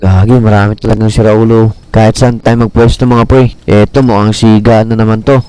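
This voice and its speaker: A young Filipino man giving lively casual commentary as he plays a game and talks to his viewers. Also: on the low side, a little fast, smooth, soft background music. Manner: excitable, talks to viewers as "mga pre". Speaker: gaming streamer.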